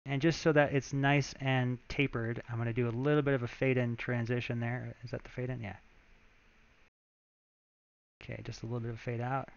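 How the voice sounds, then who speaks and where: A man's voice: medium pitch, flat delivery, a little fast, vocal fry, highs cut off. A man, a game developer, chatting casually and thinking aloud as he walks viewers through his work on a live stream.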